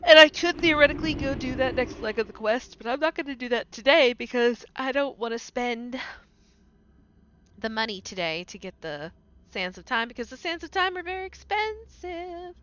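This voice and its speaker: A woman's voice: a little high, normal speed, a bit bright, clear, resonant tone, dull audio. A woman streaming a game and chatting casually, rambling and laughing often. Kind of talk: casual gaming stream chat.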